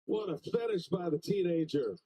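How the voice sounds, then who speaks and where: A man calling live basketball play-by-play, reading out stats between plays in a brisk way. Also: high-pitched, lively intonation, dark tone, breathy edge, poor audio. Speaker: play-by-play commentator.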